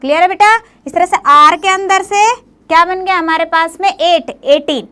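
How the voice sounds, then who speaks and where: A woman's voice: very high voice, normal speed, bright, forceful tone. A woman teacher giving a classroom lecture, often coaxing her students with questions as she goes. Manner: coaxing, often asks "clear, beta?".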